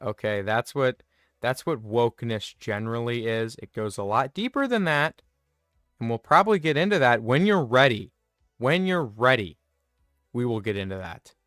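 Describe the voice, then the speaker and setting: A man delivers a satirical comedy monologue with mock earnestness, rambling and getting himself worked up as he goes. His voice is smooth and resonant and sits at an ordinary middle pitch. It is recorded close and dry, with faint music underneath. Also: expressive, moderate pace, a bit bright, no room sound. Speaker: comedy video host.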